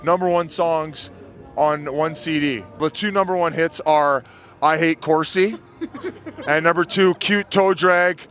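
A man's voice: fairly high pitch, measured pace, fairly bright tone. A man in his thirties hosting a casual street interview outdoors with a handheld mic, full of teasing, joking banter. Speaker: host.

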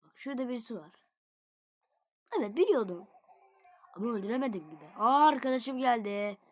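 A woman giving casual gameplay commentary to her viewers, excitable and jumping from low mutters to sudden shouts. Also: a little fast. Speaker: gaming video creator.

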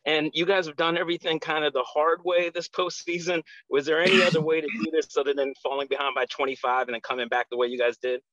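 A man asks a player long, winding questions at a post-game press conference. His voice comes through dull and dry, like remote audio. He speaks at a middling pitch. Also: flat delivery, quick pace, hardly any pauses, fairly bright tone, no echo. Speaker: reporter.

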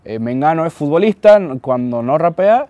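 A man's voice: on the high side, lively intonation, moderate pace, warm tone, dry recording. A man in his twenties from Tucumán with an Argentine accent, talking casually and hesitantly in an interview, often repeating words. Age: 20s. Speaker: freestyle rapper interviewed.

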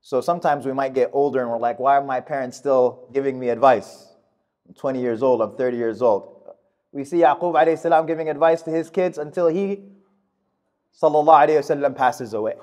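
A man in his thirties delivering a Friday sermon in a mosque, speaking at a podium microphone in a measured, emphatic way. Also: mid-range voice, darkish tone. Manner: measured, emphatic delivery with fast recited Arabic verses. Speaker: khutbah speaker. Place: mosque prayer hall, indoors. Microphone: gooseneck podium mic.

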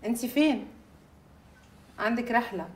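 A woman's voice: on the high side, lively intonation, background noise. A woman with an Egyptian accent playing a jealous, hot-tempered young bride in a film drama. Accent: Egyptian Arabic. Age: young adult. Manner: quick, emotional, flares into shouting. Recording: film soundtrack with music under dialogue.

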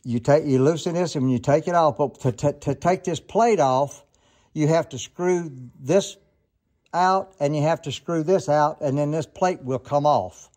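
Speaking unhurriedly in a slightly high, darkish voice, an older man runs a casual demonstration on his sawmill sharpening show. The talk is folksy and wandering with regular self-corrections, filmed on a handheld camera in an open barn workshop.

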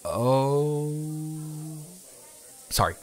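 This audio roleplay performer, a young man, improvises a teasing first-person date, rambling and frequently starting over. He speaks at medium pitch with lively intonation and drawn-out words, captured close on a home studio mic.

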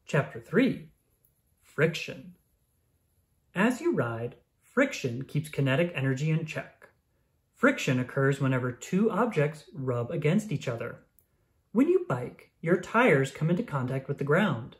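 For an audience of small children, the narrator reads a science book in a clear, expressive, story-like way, keeping a medium pitch and taking it unhurriedly.

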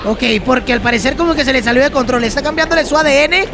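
A YouTuber giving excitable reaction commentary, laughing often and reading the characters' lines aloud. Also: high-pitched, quick pace, background noise. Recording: music playing underneath.

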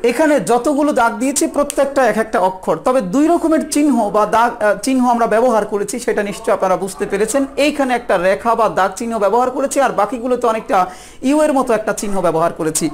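A woman's voice: a little high, fast talker. A woman from Bangladesh, teaching an exam-prep lesson in a patient, methodical way and sounding words out syllable by syllable. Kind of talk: recorded video lesson.

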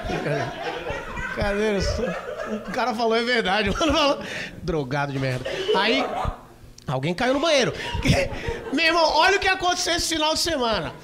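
A male stand-up comedian with a Brazilian accent, telling a story in a rowdy, swearing way and acting out scenes with sudden shouts. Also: very high voice, big pitch swings, fairly quick, background noise. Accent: Brazilian Portuguese. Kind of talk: stand-up routine. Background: audience laughter.

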